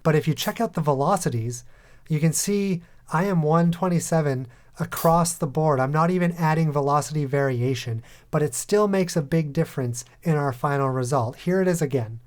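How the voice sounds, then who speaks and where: A man hosting a music production tutorial, calmly talking through each step in a voice-over. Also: a little high, normal speed. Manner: calm, methodical step-by-step explaining. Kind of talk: tutorial voice-over over a screen recording.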